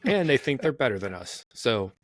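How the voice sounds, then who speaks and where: Male co-host, deadpan teasing asides, casual sports banter, close dry mic. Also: medium pitch, moderate pace, no room sound. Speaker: podcast co-host.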